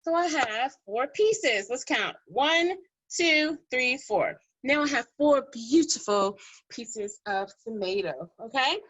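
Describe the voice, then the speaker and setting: High, bright-voiced woman teaching kids to cook. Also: lively intonation, takes it slowly, slightly rough, low-quality recording. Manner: instructive, encouraging, repeats key phrases. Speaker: kids' cooking school teacher and host. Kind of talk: step-by-step cooking demonstration addressed to children.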